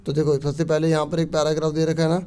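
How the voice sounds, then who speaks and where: A man teaching a worksheet lesson to students, reading passages slowly and then explaining them in quick, casual talk with frequent check-ins. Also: a little high, completely flat delivery, mellow, clear, resonant tone.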